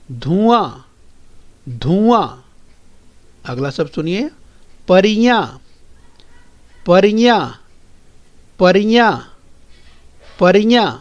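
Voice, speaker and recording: A man teaching a recorded lesson to young children, singing a poem slowly and then coaxing them to repeat words after him. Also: fairly high pitch. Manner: coaxing, addresses the children directly and often. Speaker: primary school teacher.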